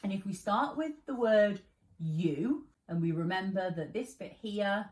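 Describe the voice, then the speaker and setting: A woman's voice: mid-range voice, expressive, measured pace, a little mellow. A young woman teaching a children's spelling lesson, patient and encouraging, explaining each word step by step.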